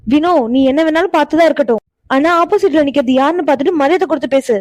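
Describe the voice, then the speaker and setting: A woman's voice: sits high, racing, darkish tone, dry recording, natural voice. A woman voicing a young cartoon woman who firmly scolds her friend and urges her to listen. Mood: scolding. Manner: firm, scolding. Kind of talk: cartoon voice acting.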